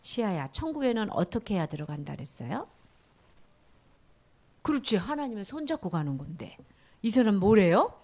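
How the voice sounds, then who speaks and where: A woman's voice: medium pitch, normal speed, long pauses. A woman telling a Bible story as a children's sermon, speaking directly to a child and often dropping to a whisper. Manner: animated storytelling with frequent whispers.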